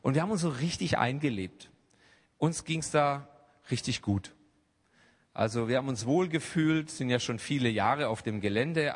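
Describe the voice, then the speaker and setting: Man preaching with big swings in volume. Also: mid-range voice. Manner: swings between hushed asides and loud emphatic outbursts. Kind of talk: sermon. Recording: long hall reverb.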